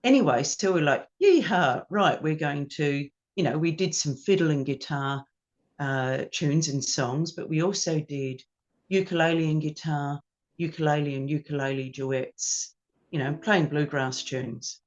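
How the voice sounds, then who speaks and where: A woman with an Australian accent, a ukulele teacher and performer, telling lively anecdotes in an interview and acting out the quotes. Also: sits low, measured pace. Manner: animated anecdotes with acted-out quotes. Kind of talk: storytelling in an interview. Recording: dull lo-fi sound.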